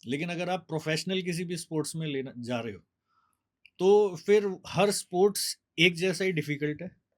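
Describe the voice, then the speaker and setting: A man, a bodybuilder guest telling his story in a steady, explaining way. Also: a little high, moderate pace. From Delhi, India. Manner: steady, explanatory, mixes English words. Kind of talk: casual interview storytelling.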